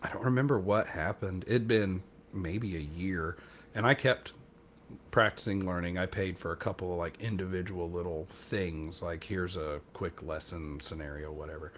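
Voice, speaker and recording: Guy with a lowish voice rambling thru a self-deprecating story, casual podcast chat, faint hiss behind. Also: normal speed, a bit bright. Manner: acts out quoted dialogue. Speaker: podcast co-host.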